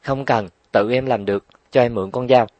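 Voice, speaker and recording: A man's voice: medium pitch, fairly even intonation, a little mellow, no echo, lo-fi sound, close to an everyday voice. A man voicing a spoiled little girl who whines and snaps back sassily. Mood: sassy. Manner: whining, sassy, quick retorts. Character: bratty, whiny little girl.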